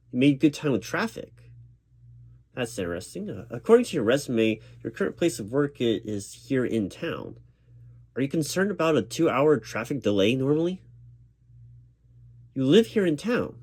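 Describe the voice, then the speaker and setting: A man with a mid-range, slightly rough, a little mellow voice performs a one-sided spoken ASMR roleplay as a recruiting manager. He is reassuring and patient, using formal corporate phrasing.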